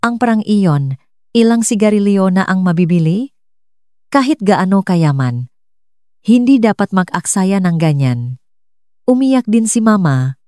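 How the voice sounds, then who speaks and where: A woman narrating a first-person drama story in a steady storytelling manner. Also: medium pitch, a little slow, long pauses, smooth, dry recording, clean studio sound.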